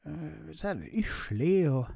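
Guy telling his own story on a podcast, husky voice, swears a lot, lots of ehs and restarts. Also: a little high, dry recording, clean studio sound. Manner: lively, swearing, many fillers and restarts. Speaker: podcast host.

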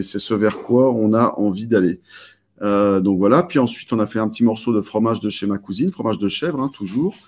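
A man's voice: lowish voice, darkish tone. A man hosting a casual live stream, rambling with many fillers and restarts.

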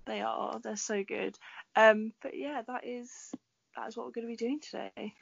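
A woman's voice: on the high side, steady tone, normal speed, vocal fry, highs cut off, noisy background. A young woman co-hosting a casual podcast, chatty and earnest, with a groggy morning voice. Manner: chatty, filler-heavy, earnest. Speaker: podcast co-host.

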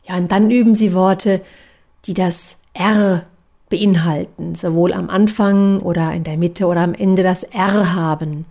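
A woman voice coach giving a calm, measured lesson on breathing and articulation exercises. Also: fairly low pitch. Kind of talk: instructional voice training lesson.

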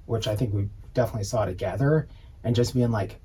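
A man's voice: lowish voice, fast, mellow, husky. A man co-hosting a podcast, chatting casually and rambling with lots of fillers and swearing. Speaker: podcast co-host; designer. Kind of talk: casual chat.

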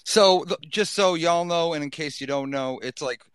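A man's voice: a little high, moderate pace, fairly bright tone, clear, resonant tone, no echo. A man with a Boston accent hosting a podcast in a casual, slangy, rambling style full of swearing. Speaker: podcast host. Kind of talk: casual, profane hype-man chat. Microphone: gaming headset.

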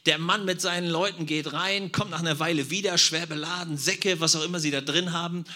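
A man's voice: on the high side, steady tone, brisk, bright, forceful tone. A man preaching and praying, talking directly and conversationally to his congregation. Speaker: pastor. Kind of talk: sermon.

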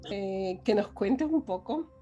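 A woman's voice: medium pitch, lively intonation, slow pace, muffled recording, music in the background. A woman hosting an interview, encouraging her guest and talking to her viewers. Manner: warm, encouraging, addresses her audience. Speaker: interview host. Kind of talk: casual interview chat.

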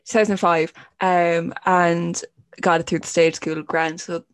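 A young woman with a Cork Irish accent, co-hosting a casual chat and telling stories in a lively way, full of "like". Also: lowish voice, measured pace, clear, resonant tone, dry recording, clean studio sound. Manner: lively storyteller, many "like" fillers.

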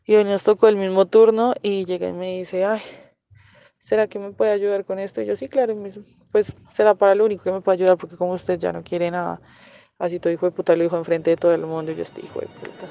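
A woman's voice: mid-range voice, level tone, fast, gravelly, mellow, smooth. A young Colombian woman telling a story casually, swearing freely and acting out the lines she quotes. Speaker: interviewee.

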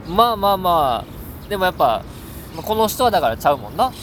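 A fast-talking man with an Osaka accent hosts a casual radio chat and reads listener mail. His slightly high voice swings up and down as he repeats phrases. There is clear urban noise behind him. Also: very animated, fairly bright tone.

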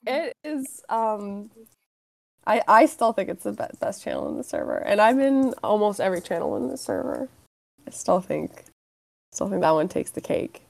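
A woman's voice: mid-range voice, expressive, a little slow, creaky, a little mellow. A woman hosting a casual online community call, upbeat and playful, speaking into a computer mic.

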